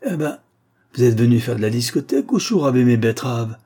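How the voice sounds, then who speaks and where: A man voicing a gruff, indignant older male beet farmer who bellows at intruders. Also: fairly high pitch, sing-song, fairly quick, warm tone, pitched above the performer's own voice, full character voice. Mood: furious.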